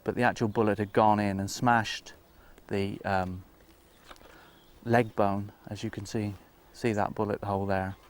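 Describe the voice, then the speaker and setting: A man who works as a deer stalker, explaining informally in a halting, matter-of-fact way. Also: lowish voice, little pitch movement.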